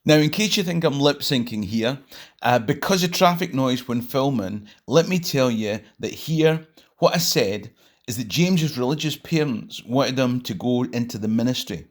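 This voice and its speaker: Outdoors amid traffic noise, a Scottish man guides viewers through history, storytelling to camera in a wry, conversational style. He speaks at a moderate pace in a medium-pitched, animated voice.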